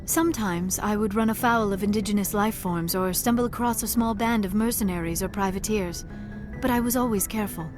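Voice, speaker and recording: An actress voices a shy, earnest young alien archaeologist in video game dialogue, using formal, precise diction and a socially awkward manner. She sounds reflective and modest, her mid-range voice natural and a little fast, with music playing behind.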